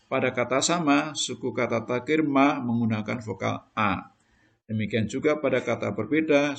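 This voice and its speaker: A man's voice: mid-range voice, vocal fry. A male primary school teacher giving a recorded lesson, explaining patiently step by step to children.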